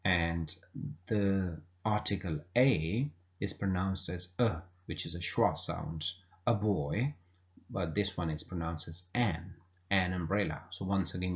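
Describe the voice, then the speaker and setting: Male grammar teacher, very low voice, patient and repetitive delivery, dull lo-fi sound. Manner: patient, repeats himself with fillers. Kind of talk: explanatory lesson. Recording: dull lo-fi recording.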